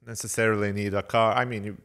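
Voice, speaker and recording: A man hosting a casual interview chat, his voice sitting on the low side. He sounds friendly and agreeable, often chiming in with quick remarks. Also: level tone, creaky, a bit bright. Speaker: host.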